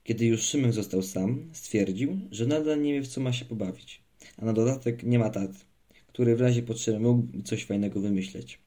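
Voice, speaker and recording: A man narrating a children's audiobook in a calm, measured reading. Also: mid-range voice. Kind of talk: scripted narration of a children's story.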